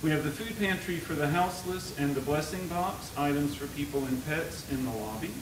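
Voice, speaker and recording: Man leading a church service, slightly higher voice, from across an echoey sanctuary with steady noise. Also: a little fast. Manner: plain, explanatory, leads the congregation. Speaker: worship leader. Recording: echoey sanctuary, far mic, noisy.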